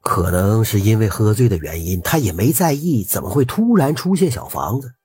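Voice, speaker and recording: A man, telling a folk tale in a lively, intimate way with drawn-out particles. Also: fairly low pitch, breathy edge. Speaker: storyteller. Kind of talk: oral folk storytelling.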